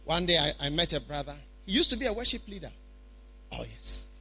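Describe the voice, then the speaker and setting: A man's voice: fairly high pitch, sing-song, fairly quick, sharp tone. A man with a Ghanaian accent preaching a sermon in an emphatic, repetitive way, full of rhetorical questions.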